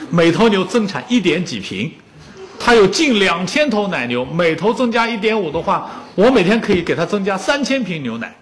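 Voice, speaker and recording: A man's voice: high voice, a bit bright. A man in his fifties giving a public lecture on music, telling anecdotes and joking with the audience.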